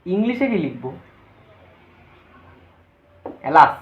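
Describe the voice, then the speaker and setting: A woman's voice: fairly low pitch, big pitch swings, takes it slowly. A woman teacher explaining a grammar lesson, asking her students questions and then answering them herself. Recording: echoey, dull lo-fi room recording.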